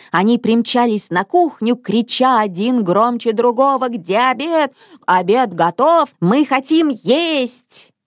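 A woman reads a children's storybook aloud at a slow, gentle pace. Her pitch moves expressively through the sentences. The recording is dry and close. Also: no echo. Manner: expressive, unhurried.

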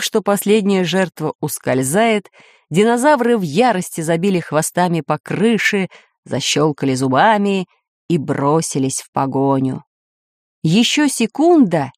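A woman narrating a children's storybook with expressive, lively storytelling. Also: lowish voice, dry recording, clean studio sound.

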